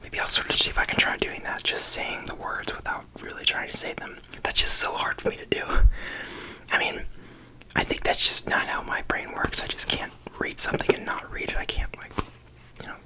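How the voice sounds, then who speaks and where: Hesitant, breathy ASMR whisperer. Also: sharp tone, poor audio. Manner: hesitant, halting, self-conscious. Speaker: ASMR video host. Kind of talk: whispered ASMR, casual rambling chat. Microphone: close ASMR microphone.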